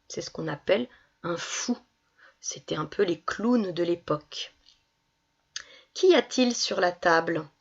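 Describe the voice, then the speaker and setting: A woman's voice: on the low side, animated, unhurried, vocal fry, pauses often, breathy edge. A woman primary school teacher giving a reading lesson to young children, patiently sounding out syllables. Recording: dull lo-fi recording.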